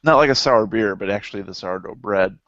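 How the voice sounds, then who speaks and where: A man co-hosting a casual beer review show, talking in a relaxed, rambling way with many fillers. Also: lowish voice, brisk, no echo, muffled recording. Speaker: beer review podcast co-host. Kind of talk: casual beer tasting chat.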